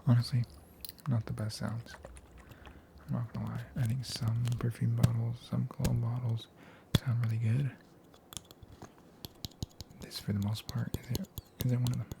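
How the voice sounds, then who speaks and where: Young adult American male for casual ASMR chat: hushed, soft-spoken, often whispering, with gravelly fry, over noticeable background noise. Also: mid-range voice, little pitch movement, normal speed, pauses often. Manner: laid-back, slangy, meandering. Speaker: ASMR video host.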